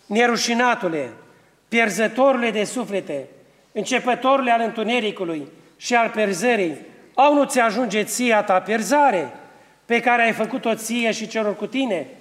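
A man's voice: sits high, animated, a bit bright, big-room sound. A man voicing a stern old holy bishop who rebukes a devil, in a solemn preaching cadence.

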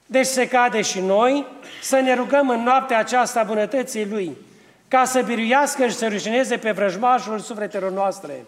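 A man's voice: very high-pitched, big-room sound. A man voicing a stern old holy bishop who rebukes a devil, in a solemn preaching cadence.

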